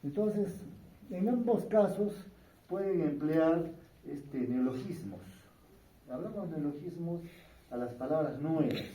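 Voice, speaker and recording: A man's voice: fairly high pitch, expressive, takes it slowly, dark tone, far from the mic. A man giving a conversational medical lecture on neurology, often checking in with tag questions. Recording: echoey room, speaker away from mic, faint ambience.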